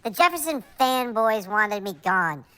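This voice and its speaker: A woman's voice: mid-range voice, lively intonation, brisk, a bit bright, lightly acted. A woman voicing a defensive male colonial-era politician who gets indignant when questioned.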